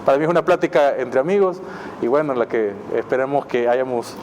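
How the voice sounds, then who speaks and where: A Salvadoran man speaking as a guest on a TV interview, in a middle-pitched voice. He talks with enthusiasm and rambles, padding his sentences with fillers. Faint background noise sits under him. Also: fairly quick, a little mellow. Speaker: guest, city mayor. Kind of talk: casual TV interview.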